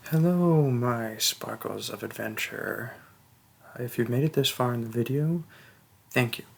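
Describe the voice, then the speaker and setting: A man chatting casually and haltingly to his listeners as an audio roleplay creator. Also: medium pitch, creaky, slightly rough.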